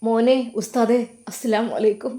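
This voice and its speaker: A woman voicing a devoted young male cleric who speaks softly and respectfully with a Malappuram Malayalam accent. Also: a little high, steady tone, moderate pace, close to an everyday voice. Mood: emotional.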